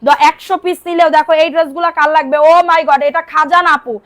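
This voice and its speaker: A woman's voice: very high-pitched, fairly even intonation, quick pace, fairly bright tone. A young woman from Bangladesh selling clothes on a live stream, chatting with commenters and repeating prices and calls to order. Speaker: online clothing seller. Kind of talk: live-stream sales pitch.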